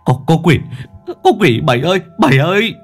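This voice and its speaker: A man's voice: on the high side, animated, a little fast, faint music behind, voice pushed up. A man doing a shrieking terrified young man.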